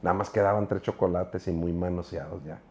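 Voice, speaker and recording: In a casual interview, a guest preacher, a middle-aged man with a Mexican accent, rambles earnestly through his stories with lots of filler words. He talks briskly in a low voice with fairly even intonation, and a slight hiss or hum can be heard.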